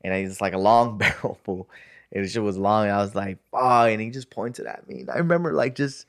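A man's voice: on the low side, expressive, fairly quick. A young man telling a story in casual chat, loose and slangy, with lots of fillers and cursing.

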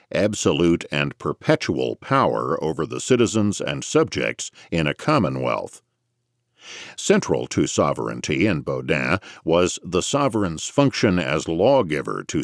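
A man's voice: extremely low pitch, dry recording, clean studio sound. A man narrating scripted nonfiction as an audiobook reader, in a formal, scholarly lecturing manner.

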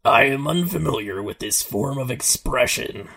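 A performer voicing a robot pirate first mate in a game, formal, disapproving, pedantic and deadpan. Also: medium pitch, moderate pace, gravelly, husky, heavily acted. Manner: stilted, overly formal, deadpan.

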